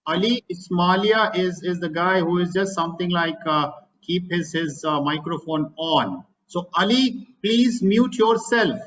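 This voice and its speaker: A man moderating an online meeting, briskly giving instructions to participants over a video call. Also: on the high side, a bit bright. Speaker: session moderator. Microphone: computer mic on a video call. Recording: muffled video call audio.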